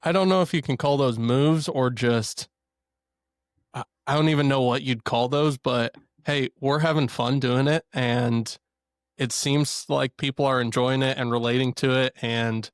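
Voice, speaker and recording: Male guest from Missouri, chatty storyteller, mid pitch, dry close mic. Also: fairly even intonation, unhurried, no room sound. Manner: chatty, laughs easily, storytelling. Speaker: podcast guest. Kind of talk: casual conversation.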